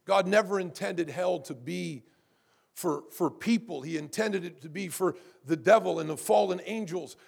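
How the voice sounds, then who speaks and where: A man with a high voice preaching a sermon, and his tone has a gravelly edge. He keeps asking the congregation how many know. He repeats words and climbs louder and higher as he presses his point. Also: normal speed. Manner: rises in pitch and volume to preach with force. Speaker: pastor.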